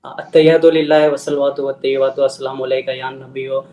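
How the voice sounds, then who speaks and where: A man's voice: mid-range voice, flat delivery, brisk, crowd noise, low-quality recording. A man in his twenties calling in to a debate, defensive and mixing in English as he argues his side. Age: 20s. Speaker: caller. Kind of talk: casual debate call.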